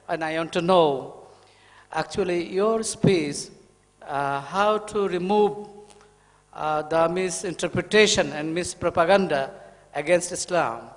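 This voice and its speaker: Formal Bangladeshi man, high voice. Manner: formal, measured with fillers. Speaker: audience member, NGO chairman. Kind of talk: conference Q&A question. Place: large conference hall. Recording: reverberant conference hall.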